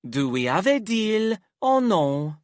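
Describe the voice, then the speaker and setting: A man's voice: sits high, big pitch swings, slow, no room sound, clean studio sound, pitched above the performer's own voice, full character voice. A man voicing a flamboyant, menacing young man who speaks in a sing-song, theatrical drawl and drops French endearments. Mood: coaxing.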